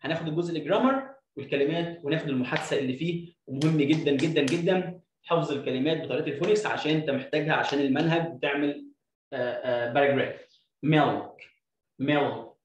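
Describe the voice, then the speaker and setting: Man with an Egyptian accent, classroom-style drill delivery, fairly high pitch, roomy sound. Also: slight background noise. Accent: Egyptian Arabic. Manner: drills words by repeating them slowly. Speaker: English teacher. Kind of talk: explaining phonics lesson.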